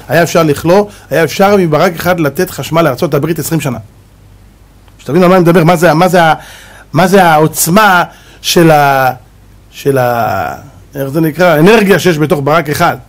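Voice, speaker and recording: A man, a rabbi, giving a dramatic sermon, firing rhetorical questions and swinging from loud exclamations to low asides. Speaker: rabbi giving a Torah lesson. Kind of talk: animated sermon.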